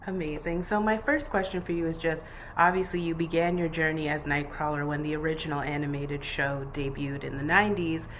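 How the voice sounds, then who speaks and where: A woman's voice: deep voice, steady tone, brisk, a bit bright, a little hiss or hum. A woman hosting an interview, asking enthusiastic questions, chatty with many fillers. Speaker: interviewer host.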